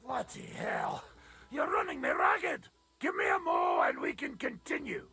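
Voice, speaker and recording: A man's voice: high voice, very animated, a little slow, creaky, bright, forceful tone, soft background music, full character voice. An actor playing a blunt, middle-aged male sword master in a video game, speaking in a brusque, instructive way and swearing casually. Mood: winded. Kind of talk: game character dialogue.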